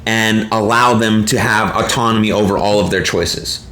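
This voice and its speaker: Reflective man, mid-pitched, roomy sound. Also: fairly even intonation, normal speed, sharp tone. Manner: reflective, explaining, frequent "right?" tags. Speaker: youth baseball coach and podcast co-host. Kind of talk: casual podcast conversation. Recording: roomy echo.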